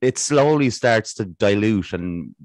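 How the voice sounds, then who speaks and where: An Irish podcast host rambles through long turns in a casual interview, full of fillers and restarts, speaking into a studio mic with headphones from a home room. His voice sits on the low side with a darkish tone and lively intonation, slow in pace, and the recording is dry.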